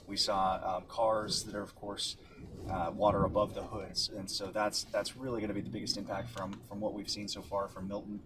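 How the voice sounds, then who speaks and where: Low-pitched man, live storm field reporter, unscripted and explanatory, distant from the mic. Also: flat delivery, moderate pace. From Tampa Bay area, Florida. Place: outdoors near flooded coastal neighborhood. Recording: distant mic with loud outdoor noise.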